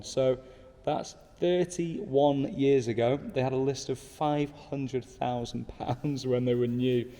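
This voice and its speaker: A British car channel host in his thirties talks casually to camera from his desk, enthusiastic and rambling with asides. His voice is medium-pitched and dark, with a big-room sound picked up by a small pocket camera.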